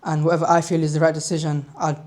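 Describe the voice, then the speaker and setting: A woman's voice: low voice, little pitch movement, fast, a little mellow. A twenty-year-old woman who works in a school, giving earnest, considered interview answers.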